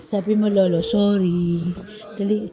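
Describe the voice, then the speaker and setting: A woman's voice: medium pitch, flat delivery, measured pace, dark tone. A woman filming a toddler at home, coaxing the child in a playful sing-song way. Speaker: family member filming a toddler. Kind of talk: casual home video.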